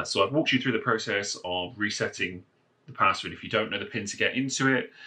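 This phone repair tutorial presenter has a low, bright voice and explains how to reset a phone in a casual how-to walkthrough. His delivery rambles, full of fillers and restarts, and he films the phone from above while sitting indoors at a wooden desk.

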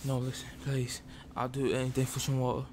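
A man's voice: mid-range voice, completely flat delivery, brisk, background noise, close to an everyday voice. A man voicing a frantic, down-on-his-luck addict who begs and rambles repetitively in an ASMR role-play. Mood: desperate pleading.

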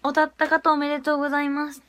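A young woman chatting casually on a livestream, giggly, swinging between murmured asides and excited squeals. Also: high voice, racing, slight background noise. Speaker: idol livestreamer.

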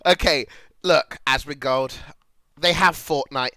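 A young man, streaming casually, excitable and profane, rambling between asides. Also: a little high, slow, dry recording. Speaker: livestreamer. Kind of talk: casual livestream reaction chat.

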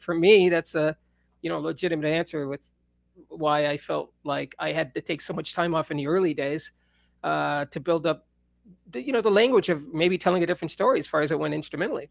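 A middle-aged man with a fairly high, gravelly voice hosts a casual live-stream chat from his home studio, rambling in a laid-back way and laughing often. He speaks into a studio mic on a stand, and the recording sounds dry.

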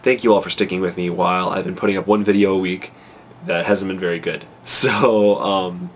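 A young man in his twenties, congested from a cold, vlogs to camera at night from a small bedroom, rambling anxiously and excitedly with many fillers. His voice is low-pitched and moderately paced. A close-range webcam captures him with a little hiss or hum.

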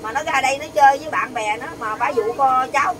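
An older woman telling a family quarrel story, animated and quoting others in quick bursts. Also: sits high, distant mic, a little hiss or hum, poor audio. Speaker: interviewee. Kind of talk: heated storytelling.

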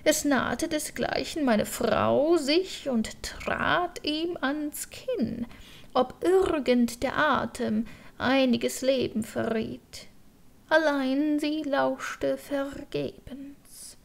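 Grieving male crow, read by a woman: lamenting and pleading, slow and gravelly, for an audiobook. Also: sits high, heavily acted. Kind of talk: audiobook verse reading.

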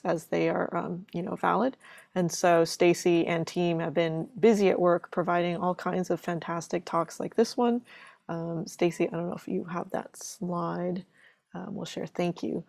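A woman's voice: lowish voice, vocal fry, a little mellow, no echo. A woman moderating a live online webinar, chatty and welcoming, with many fillers. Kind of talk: casual live webinar hosting.

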